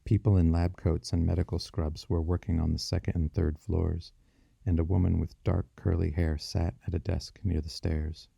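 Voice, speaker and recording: Deep gravelly male audiobook narrator. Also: level tone, warm tone, no echo, clean studio sound. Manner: measured, descriptive storytelling.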